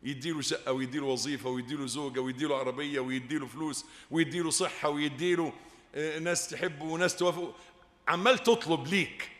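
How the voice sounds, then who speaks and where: A man's voice: fairly high pitch, quick pace, big-room sound. A man with an Egyptian Arabic accent, preaching a sermon with storytelling and call-and-response with his audience. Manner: lively, calls and responses with the audience.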